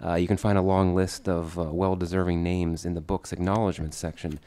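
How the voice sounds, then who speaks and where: A man with a congested, slightly distorted voice from a head cold, giving formal, measured remarks as a speaker at a book launch panel. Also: sits low, flat delivery, dark tone. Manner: formal, measured thank-yous with occasional fillers. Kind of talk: prepared remarks at a panel event.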